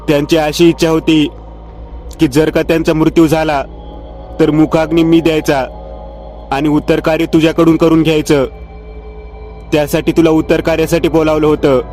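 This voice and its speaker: A man voicing a calm, ashamed elder brother who speaks in a subdued, pleading way in a storybook horror tale. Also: on the high side, lightly acted.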